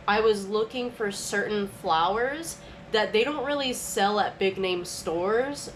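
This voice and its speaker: A woman's voice: medium pitch, fairly bright tone, a little hiss or hum, rough recording. A young adult woman chatting to camera at home in a rambling, casual way, full of filler words. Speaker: vlogger.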